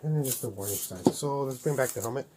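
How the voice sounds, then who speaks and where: In a casual unboxing vlog, a man who collects toys talks informally and thinks aloud while reviewing a helmet. He speaks fast in a mellow, medium-pitched voice, with slight background noise.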